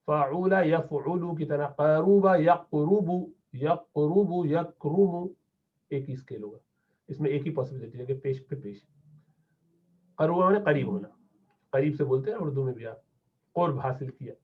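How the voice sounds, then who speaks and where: A man teaching an Arabic lesson, patiently repeating words slowly so learners catch the pronunciation. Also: medium pitch, lively intonation, breathy edge. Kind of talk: classroom lesson lecture. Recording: tinny phone-like lo-fi audio.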